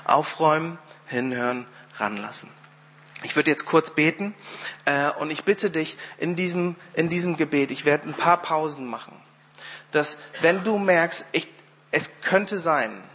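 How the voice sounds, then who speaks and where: A man's voice: fairly high pitch, moderate pace, fairly bright tone, slightly rough. A man preaching a sermon, telling a story loosely with many fillers and restarts, then leading a prayer. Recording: long hall reverb.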